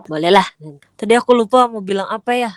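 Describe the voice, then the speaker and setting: A woman's voice: on the high side, moderate pace, slight background noise. Chatty laughing woman guest. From Indonesia. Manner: chatty, laughs often, searches for words. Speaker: interview guest, team leader of trainees. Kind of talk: casual interview chat. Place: Niigata, Japan.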